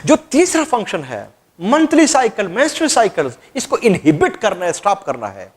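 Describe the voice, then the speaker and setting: A man's voice: high voice, wildly swooping pitch, normal speed. A man teaching a class, asking questions and answering them himself. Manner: repetitive, quizzing students then answering himself. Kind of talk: classroom lecture.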